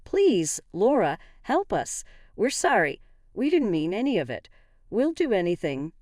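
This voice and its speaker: A woman's voice: lowish voice, sing-song, unhurried, darkish tone, no echo, clean studio sound. A woman reading the lines of a desperate middle-aged husband who pleads in panic, in a storybook narration.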